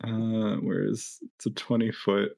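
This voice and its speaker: A man's voice: fairly low pitch, little pitch movement, measured pace, vocal fry, darkish tone. A man playing a tabletop game, chatting offhandedly, swearing and mumbling as he sets up his spell. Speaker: player. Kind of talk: casual game chat.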